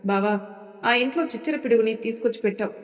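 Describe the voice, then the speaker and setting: A woman's voice: a little high, fast, close to an everyday voice. A woman voicing a young female cousin who pleads urgently on the phone. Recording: reverberant room.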